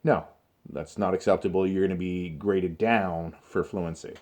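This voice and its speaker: A man teaching an English grammar lesson, talking slowly and deliberately, pausing and stretching words for emphasis. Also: deep voice, steady tone, darkish tone.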